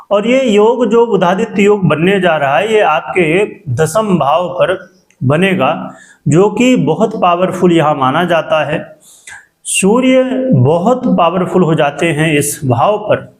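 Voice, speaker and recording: A man with an echo on his voice gives a calm, measured horoscope talk as an astrologer and often speaks straight to his viewers. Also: high voice. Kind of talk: explanatory horoscope monologue.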